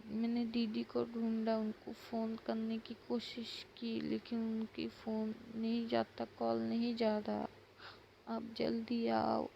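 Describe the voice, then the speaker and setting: A woman's voice: fairly high pitch, little pitch movement, takes it slowly, creaky, warm tone, dull audio, slight background noise, voice pushed up. A woman voicing a sobbing little boy. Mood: crying, frantic. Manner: frantic, repeating words. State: crying. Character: small boy sobbing for his mother.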